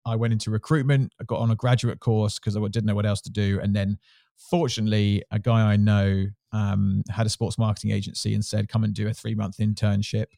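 A man with a Home Counties English accent and a lowish voice, recorded close and dry. He talks casually as an interview guest, frank and modest about himself. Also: flat delivery, brisk, vocal fry, dark tone, dry recording. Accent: southern English, Home Counties. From Surrey, England. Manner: candid, self-deprecating. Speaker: interview guest, sports marketing executive.

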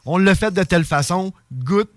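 A man's voice: sits high, expressive, normal speed, studio quality. A man with a Québécois accent co-hosting a radio show, who chats casually and often echoes his partner. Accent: Québécois French. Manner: agreeable, echoes the other host. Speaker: radio co-host.

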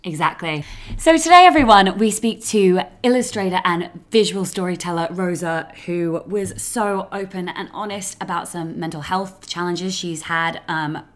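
A woman's voice: lowish voice, moderate pace. Playful woman co-hosting a podcast. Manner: playful, jokey asides. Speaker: podcast co-host. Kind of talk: casual chat.

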